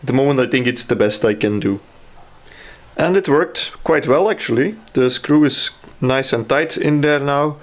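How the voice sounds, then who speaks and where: In a mid-range voice at a moderate pace, a man casually shows how he restores a radio as a hobby. He thinks aloud and hesitates while explaining each step of the hands-on repair.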